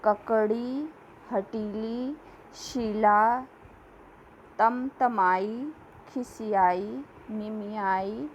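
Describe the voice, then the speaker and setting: Slow, deliberate woman teacher. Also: on the high side, highs cut off, a little hiss or hum. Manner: slow, deliberate, repeats words for pupils. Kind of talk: slow classroom lesson reading.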